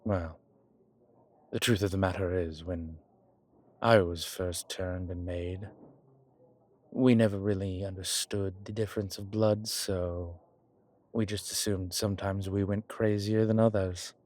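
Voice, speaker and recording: This low-sitting, steady and slightly mellow male voice belongs to a polite, ancient vampire in an intimate audio roleplay. He explains in a measured mood, choosing formal, archaic words and speaking with refinement and hesitant pauses.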